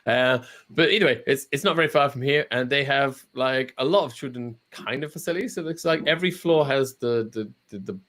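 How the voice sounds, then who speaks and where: A man from England chatting casually on a video call, his pitch sitting in a middle range. He stumbles and restarts often, laughs easily and keeps his stories loose and friendly. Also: fairly quick, a bit bright. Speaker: podcast host. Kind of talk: casual chat. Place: at home in China.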